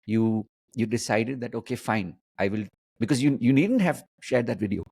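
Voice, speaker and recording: A man hosting a conversational interview, phrasing things in halting, repeated, emphatic bursts. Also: mid-range voice, expressive, gravelly, a little mellow, slightly rough. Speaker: host, coaching mentor.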